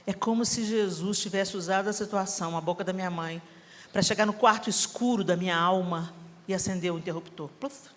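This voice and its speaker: A middle-aged Brazilian woman preaching a sermon, telling a family story with animated acting and bursts of shouting. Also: mid-range voice, brisk. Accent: Brazilian Portuguese. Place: church hall. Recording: reverberant hall, live sermon.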